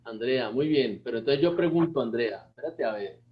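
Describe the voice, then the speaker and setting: A man's voice: mid-range voice, expressive, normal speed, highs cut off. A man who is a pastor teaching an online Bible class, with a Colombian accent, praising students and chanting lists with them. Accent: Colombian Spanish. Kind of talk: online class, leading group recitation.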